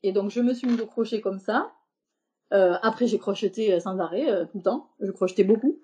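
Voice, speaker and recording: Une femme invitée d'un podcast, qui parle de façon décontractée et hésitante, avec beaucoup d'hésitations et de reprises. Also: female voice, mid-range voice, fairly quick, mellow. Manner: hesitant, many fillers and restarts. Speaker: podcast guest, embroiderer. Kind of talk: casual interview talk.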